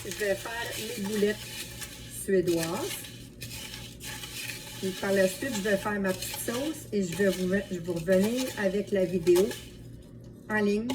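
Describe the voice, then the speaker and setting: In an easygoing cooking video, a Quebec French woman who cooks at home and hosts the channel chats with viewers as friends. She speaks in a mid-range voice, unhurried and pausing often. The recording is from a distant mic with some light background noise.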